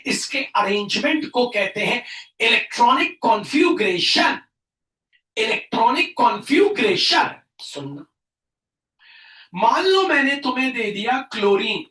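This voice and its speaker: Male tutor, classroom lesson, self-answering drill style with shouted emphasis, bright voice, distant echoey mic. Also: very high voice. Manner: asks questions and answers them himself, loud bursts of emphasis; mixes English science terms into Hindi.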